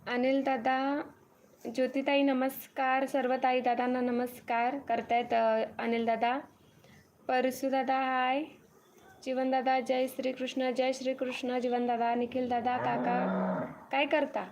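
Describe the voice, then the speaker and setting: Her voice sits high and darkish, unhurried and with little pitch movement, against slight background noise. The young woman is live streaming casually from a farm home next to a cattle shed, reading out viewer comments, greeting people one by one and repeating thanks to each by name.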